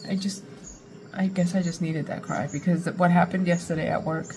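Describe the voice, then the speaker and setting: Slight background noise sits behind this woman's lowish, dark-toned voice, which keeps a level tone. She's a vlogger filming herself, talking confessionally and candidly, frequently pausing, starting over and interrupting herself mid-thought.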